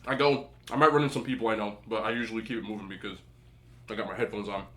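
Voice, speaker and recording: A man hosting a mukbang, chatting casually and telling an animated, slangy, incredulous story between bites as he eats. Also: fairly low pitch, very fast. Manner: eating between phrases. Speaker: host of a mukbang video. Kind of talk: casual rambling storytelling while eating.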